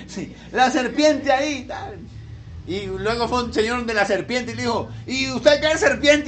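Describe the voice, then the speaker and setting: Male pastor, high voice, preaching with questions to the flock and acted-out dialogue. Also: fairly bright tone, a little hiss or hum. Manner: asks the congregation questions and acts out the people in the story. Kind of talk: sermon.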